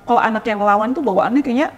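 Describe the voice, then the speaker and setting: A woman's voice: fairly high pitch, very fast, lo-fi sound. Chatty woman in a reverberant hall. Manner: chatty, tags sentences with "gitu ya". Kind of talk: panel discussion.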